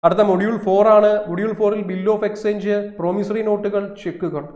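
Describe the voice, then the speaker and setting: A man's voice: sits high, steady tone, normal speed, darkish tone, reverberant. A man going through an exam syllabus as a coaching teacher, asking and answering his own questions and repeating key points for stress. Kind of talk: syllabus walkthrough lesson.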